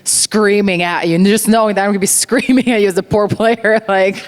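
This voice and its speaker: A Slovenian voice actor chats animatedly and laughs often during a casual panel Q&A in a large convention hall. Her mid-range voice is steady in tone and fairly quick, and the panel PA leaves a long hall reverb.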